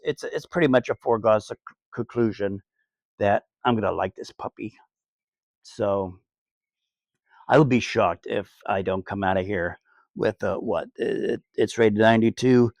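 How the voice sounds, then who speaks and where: Slow, gravelly man in a laid-back vlog. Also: mid-range voice, darkish tone, dry recording. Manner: laid-back, rambling, crude jokes, many fillers. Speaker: cigar reviewer, channel host. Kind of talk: casual outdoor cigar review vlog. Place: outdoors on a sunny day.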